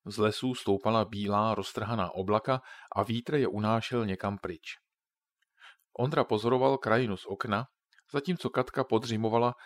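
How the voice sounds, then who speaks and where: Casual: man reading a kids audiobook, lowish voice, calm, very dry mic. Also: no echo. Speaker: narrator. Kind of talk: audiobook narration.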